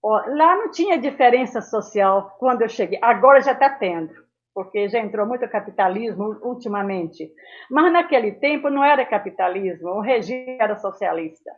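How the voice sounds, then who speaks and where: A fairly high-voiced elderly woman in her seventies, appearing as an interview guest, reminisces in an animated way at normal speed. She rambles through details, frequently tagging on small questions, and the sound quality is somewhat lo-fi and dull.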